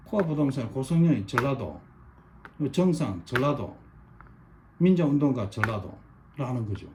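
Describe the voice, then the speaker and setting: A man's voice: on the high side, darkish tone, slight background noise. A middle-aged man explaining a chart in a monologue, pointing item by item and repeating himself emphatically. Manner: repetitive, pointing with short demonstratives, emphatic. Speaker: online commentator.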